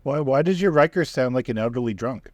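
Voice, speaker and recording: A man's voice: medium pitch, lively intonation, fairly quick, a little mellow. Joking male podcast co-host. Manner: joking, laughs often. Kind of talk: casual chat.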